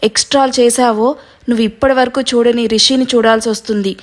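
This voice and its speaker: A woman's voice: on the high side, fairly even intonation, brisk, natural voice. A woman voicing a vengeful, scheming young man who threatens and dominates his bride-to-be. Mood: threatening.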